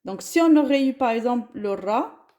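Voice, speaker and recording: A woman's voice: fairly high pitch, expressive, normal speed, mellow. A woman teaching a lesson, spelling words out syllable by syllable. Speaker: Arabic teacher.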